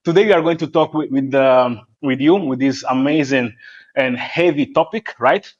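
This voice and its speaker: A man hosting a podcast as a health coach, asking questions in a halting way with many restarts. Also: mid-range voice. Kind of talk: podcast interview. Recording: dull lo-fi audio.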